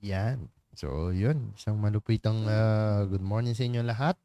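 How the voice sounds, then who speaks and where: Slow, crisp-voiced man leading a devotion. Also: fairly low pitch, mellow, dry recording, muffled recording. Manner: chatty, laughs often, many fillers. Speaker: devotion leader and livestream host. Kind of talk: casual livestream greetings and devotional talk. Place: studio.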